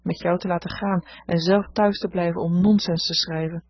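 A woman's voice: fairly low pitch, fairly even intonation, moderate pace, dry recording, close to an everyday voice. A woman voicing an impulsive teenage girl who speaks urgently and blames herself, in a dull lo-fi recording. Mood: self-reproaching. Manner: urgent, self-reproaching. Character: anxious impulsive teenage girl, older sister.

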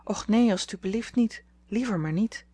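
A woman's voice: medium pitch, normal speed, mellow, breathy edge, lightly acted. Woman reading as a timid young girl, flustered, stammering, shy, storybook reading.

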